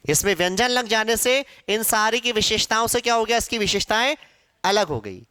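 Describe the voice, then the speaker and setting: A man's voice: sits high, animated, moderate pace, bright, forceful tone, clean tone. A male Hindi teacher giving a classroom lecture, asking questions and answering them himself while drilling pronunciation aloud. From India.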